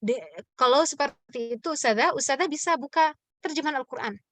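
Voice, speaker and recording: A woman's voice: high voice, fairly quick, a bit bright. A woman teaching Quran recitation in a question-and-answer class, explaining with examples and many fillers. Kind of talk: online class Q&A lesson.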